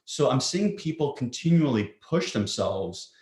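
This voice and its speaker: A male psychiatrist answering interview questions thoughtfully, often pausing with ums and restarting sentences. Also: medium pitch, sing-song, a little mellow. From Greece. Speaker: psychiatrist guest. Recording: roomy echo.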